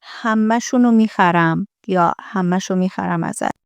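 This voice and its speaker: A woman teaching English from film lines, repeating each line slowly in an American accent and then explaining it. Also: mid-range voice, creaky, clear, resonant tone, no echo.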